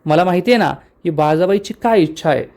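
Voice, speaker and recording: A man's voice: high voice, quick pace, a little mellow. A man reading aloud the lines of a determined young woman who is village head, speaking reassuringly and firmly. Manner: reassuring, firm.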